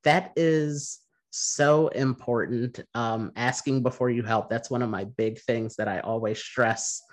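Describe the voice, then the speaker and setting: A man hosting a podcast interview, relaxed and halting with many fillers. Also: medium pitch. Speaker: podcast host. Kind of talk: casual interview.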